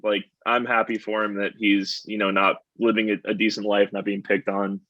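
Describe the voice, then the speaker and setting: A man's voice: on the low side, flat delivery, moderate pace, sharp tone, no room sound, highs cut off. A man from the United States chatting casually with a friend on a call, rambling with lots of "like" and "you know". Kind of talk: casual chat.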